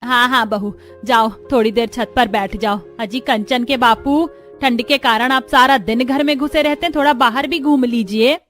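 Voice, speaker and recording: A middle-aged mother-in-law who is kind to her bride and quick to scold the others, as a woman voices her. Her voice sits a little high. Soft music plays faintly behind this storybook scene. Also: fairly even intonation, natural voice. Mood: caring. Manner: caring but scolding.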